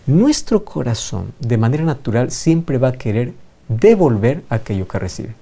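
A man's voice: mid-range voice, sing-song, moderate pace, vocal fry, dark tone. A man preaching a sermon, emphatic and fond of repeating phrases for effect.

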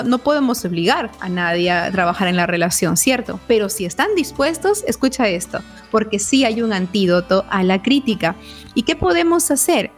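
A woman psychologist explaining relationship advice, often checking in with her listeners with short questions. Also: medium pitch.

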